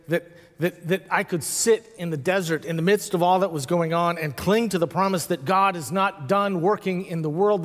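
A middle-aged man preaching a personal storytelling sermon, reflective, easing into soft hushed passages with slow pauses. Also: fairly high pitch. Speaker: pastor. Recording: long hall reverb.

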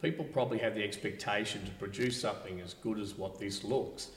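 A man's voice: fairly low pitch, brisk. A man hosting a podcast, asking leading questions with a joking tone. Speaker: podcast host. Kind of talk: casual podcast conversation. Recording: distant echoey mic with faint noise.

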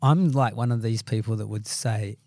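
A man with a croaky voice co-hosting a podcast, chatting casually and thinking aloud with some hesitation. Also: on the low side, normal speed, a little mellow, dry recording. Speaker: podcast co-host. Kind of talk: casual conversational podcast chat.

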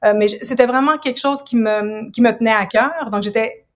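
She is a writer and university professor in her fifties from Ottawa, Canada, chatting as an interview guest. Her slightly high voice carries a reflective, measured tone as she explains her points.

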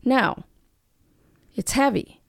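A woman's voice: extremely slow, no room sound. A woman co-hosting a casual relationship podcast, a chatty storyteller with teasing interjections. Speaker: podcast co-host.

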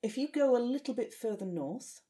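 A woman's voice: fairly high pitch, lively intonation, brisk, mellow. A woman from Yorkshire with a broad Yorkshire accent, chatting casually as a podcast co-host and explaining things. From Yorkshire, England. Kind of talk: casual chat, explaining local dialect.

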